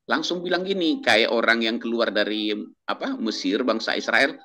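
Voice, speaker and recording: A man, a doctor and church minister, telling his faith testimony in a casual talk-show chat, animated, quoting others and chuckling as he goes. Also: mid-range voice, normal speed.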